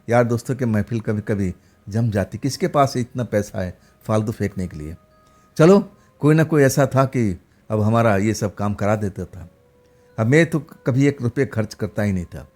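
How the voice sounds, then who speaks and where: A man's voice: medium pitch, darkish tone. A man narrating a first-person horror story in a loose, rambling way, with fillers and restarts.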